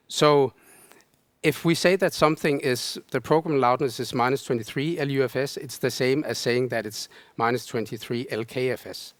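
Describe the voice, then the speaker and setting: A man presenting a technical lecture, explaining in a measured way. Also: medium pitch, no echo. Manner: explanatory, measured, casual fillers. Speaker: conference presenter.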